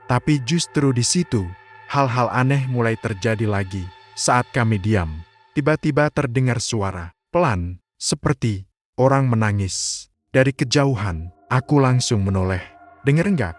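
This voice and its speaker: A man, narrating a scripted horror story in a slow, hushed, suspenseful way. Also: mid-range voice, animated. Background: faint music.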